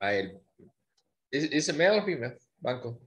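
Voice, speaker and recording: A man's voice: mid-range voice, big pitch swings, a little fast, a crowd in the background. Playful male tutor. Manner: playful, teasing, mock-dramatic. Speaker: Spanish tutor. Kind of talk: online language lesson.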